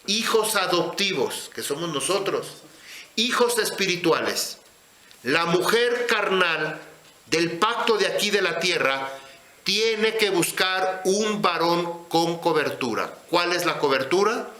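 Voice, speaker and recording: A man teaching scripture in a sermon, speaking slowly and deliberately and putting questions to his listeners. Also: high voice, animated, sharp tone, reverberant. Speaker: religious teacher.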